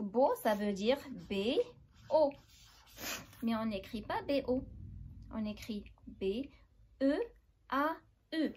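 A woman's voice: fairly high pitch, darkish tone. A young woman with a Moroccan accent teaching basic French, explaining each point step by step and checking that her students follow. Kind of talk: classroom lesson.

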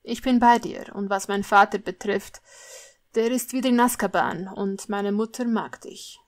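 A woman's voice: medium pitch, moderate pace, close to an everyday voice. A woman voicing a soothing young man.

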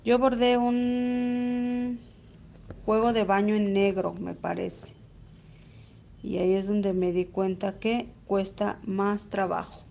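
A woman's voice: medium pitch, flat delivery, takes it slowly, creaky, long pauses, mellow, a little hiss or hum. A woman with a Mexican accent gives a chatty live-stream embroidery lesson, greeting viewers by name as she stitches. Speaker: embroidery teacher.

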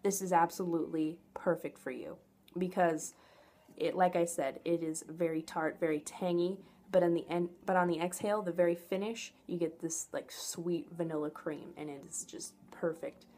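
A woman's voice: on the low side, fairly even intonation, normal speed, warm tone. A young adult woman giving a casual, enthusiastic product review to camera in an informal way. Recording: noticeable background noise, home camera audio.

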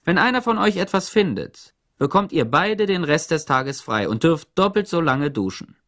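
A man's voice: fairly high pitch, big pitch swings, normal speed, a bit bright, voice pushed up. A man voicing a stern, impatient woman who runs a work camp, giving orders in a commanding way. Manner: commanding, insistent.

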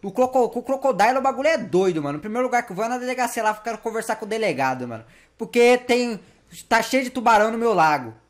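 A man giving casual gameplay commentary, slangy and playful, talking to the game's characters and getting excitable in the action. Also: very high-pitched, fast talker. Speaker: gameplay youtuber.

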